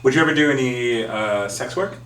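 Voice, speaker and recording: A man's voice: medium pitch, a little fast, a bit bright, distant mic. A man co-hosting a casual chat podcast, playful and teasing as he asks the questions. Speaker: podcast co-host. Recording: roomy, off-mic, faint hum.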